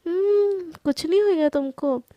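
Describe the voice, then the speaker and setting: A woman's voice: extremely high pitch, measured pace, warm tone, no room sound, voice pushed up. A woman voicing a playful, confident young woman in a spoken love story, teasing and coaxing.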